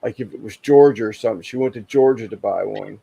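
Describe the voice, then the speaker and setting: Gravelly-voiced man chatting on a stream. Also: fairly low pitch, mellow, rough recording. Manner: rambling, halting storyteller. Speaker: livestream host. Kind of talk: casual chat.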